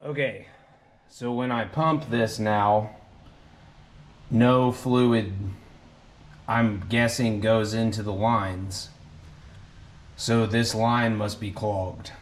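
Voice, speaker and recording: Man, unhurried drawl, lowish voice, rambling garage narration, faint shop hum behind. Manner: rambling, self-deprecating, talks while wrenching. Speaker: garage channel host. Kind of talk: casual work-along narration. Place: home garage, at and under a car.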